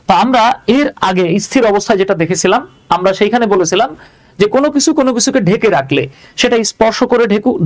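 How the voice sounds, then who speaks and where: A man teaching English in a live online lesson. His voice sits high and the words come fast and chatty, close to the mic, and he keeps checking that the viewers are following along.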